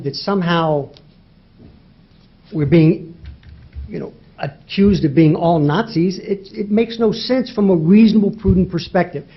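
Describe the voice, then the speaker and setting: Man, lawyer, courtroom argument, high voice, forceful rhetorical questions, dull lo-fi audio. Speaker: lawyer arguing in federal court.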